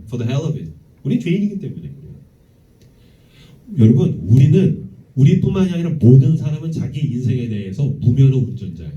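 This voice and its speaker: A man in his thirties, a youth pastor, preaching a sermon in a church and acting out the voices in his stories. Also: fairly high pitch. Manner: animated preaching, acts out quoted voices, laughs at own stories. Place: church sanctuary. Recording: echoey room, heard from a distance.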